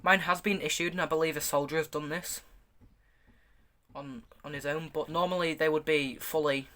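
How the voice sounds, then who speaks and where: A man's voice: on the high side, steady tone, normal speed, pushed and bright. A man giving a casual, hands-on product review, speaking in a stop-start, hesitant way with repeated words. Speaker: gas mask reviewer. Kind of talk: casual product review, showing items to camera.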